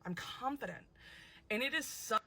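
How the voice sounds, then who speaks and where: Bright-voiced woman, halting and candid. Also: fairly high pitch, lively intonation, vocal fry. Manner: halting and candid, with fillers and trailing phrases. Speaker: clip speaker being reacted to. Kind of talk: personal talk to camera.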